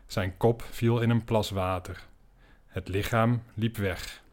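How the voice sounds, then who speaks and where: A man hosting a podcast, telling an absurd comic story in a dry, deadpan way. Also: fairly low pitch, slow pace. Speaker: podcast host.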